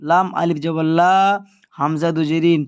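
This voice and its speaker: High-voiced man teaching Quran reading. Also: level tone, clean tone, no echo, lo-fi sound. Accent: Bangladeshi Bengali. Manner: patient, spells syllables slowly then blends them. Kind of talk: spelling-out recitation lesson.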